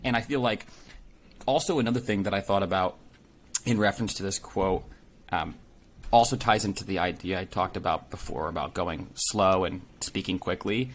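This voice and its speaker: A podcast co-host talks earnestly on a casual show, rambling and often restarting his phrases. His voice is low-pitched and he speaks at a normal speed.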